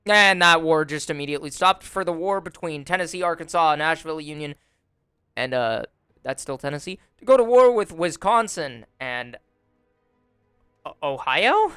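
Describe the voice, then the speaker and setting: Young man, gameplay commentator; bright, smooth voice, dry close mic, faint music underneath, wry and unhurried. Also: a little high, dry recording. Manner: relaxed, wry commentary with frequent fillers. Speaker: gaming YouTuber. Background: faint background music.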